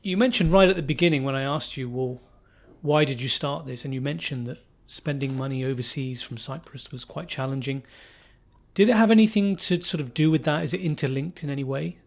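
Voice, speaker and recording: A man's voice: mid-range voice, brisk, gravelly. A man hosting a payments podcast and asking his guest curious questions. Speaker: podcast host. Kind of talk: podcast interview.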